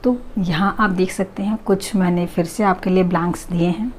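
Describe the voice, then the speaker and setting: A woman teaching an English grammar lesson, drawing out each example phrase slowly and clearly. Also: on the low side, fairly even intonation, a little mellow, slight background noise. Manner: slow, drawn-out example phrases.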